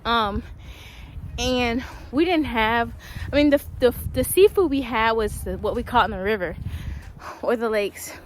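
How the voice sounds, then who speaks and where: A young woman talking casually while walking a quiet wooded trail in winter, a little out of breath, with many ums. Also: a little high, measured pace, a little hiss or hum. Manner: chatty, laughs often, many ums. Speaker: vlogger.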